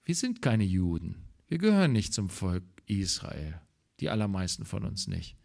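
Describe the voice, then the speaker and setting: A man with a German accent preaching a sermon as pastor, slow and deliberate, growing emphatic when he reads scripture aloud. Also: big pitch swings, gravelly, a little mellow. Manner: emphatic, rises in pitch and volume when reading scripture; slow, deliberate delivery with pauses.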